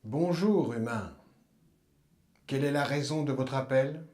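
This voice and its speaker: A man playing an aloof alien emperor who lectures humans in a formal, measured, detached way in a science-fiction drama. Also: medium pitch, lightly acted. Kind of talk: scripted science-fiction monologue. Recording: loud background noise and ambience.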